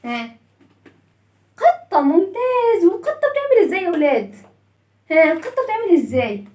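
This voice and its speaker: Egyptian woman, children's phonics teacher, high voice, call-and-response, echoey room. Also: very animated, brisk, darkish tone, far from the mic. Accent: Egyptian Arabic. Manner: storytelling the letters as characters.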